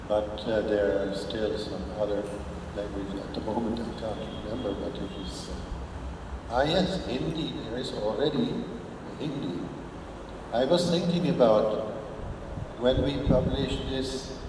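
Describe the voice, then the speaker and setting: An older man, a Buddhist monk who searches for words and fills pauses with hesitations while talking informally to an audience. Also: lowish voice. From Netherlands. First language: Dutch. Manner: slow, searches for words, many fillers. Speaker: Buddhist monk giving a talk. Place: temple hall. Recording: echoey hall, distant mic, background noise.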